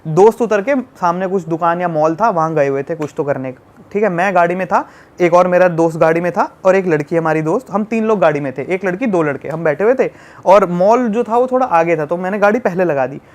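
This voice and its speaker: Man with a high voice, animated storytelling, casual chat, from delhi. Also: brisk. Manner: animated, acts out shouting in the retelling. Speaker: travel youtuber guest.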